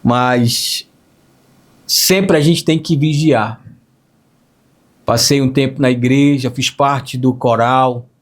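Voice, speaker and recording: A man with a lasting hoarse, raspy voice, earnestly telling an emotional faith testimony and repeating phrases as he recalls it. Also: mid-range voice, fairly even intonation, slow pace, long pauses. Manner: earnest, storytelling with repetitions. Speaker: testimony speaker.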